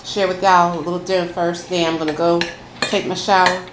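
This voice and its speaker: Eating on camera, a female food vlogger talks to her audience in a relaxed, folksy way, addressing them as y'all. She has a fairly low voice with little pitch movement and talks fairly quickly, recorded in an echoey space with faint noise in the background.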